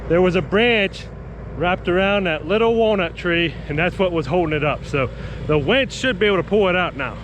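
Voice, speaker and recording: A man with a moderately high voice gives a casual vlog account of his outdoor work. The recording has clear outdoor noise around his speech. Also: lively intonation, normal speed. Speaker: vlogger working on firewood. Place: outdoors on snowy ground.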